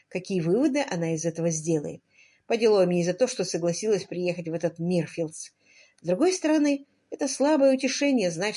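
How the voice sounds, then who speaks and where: A woman reading a romance novel aloud as an audiobook narrator, in expressive scripted narration. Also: lowish voice.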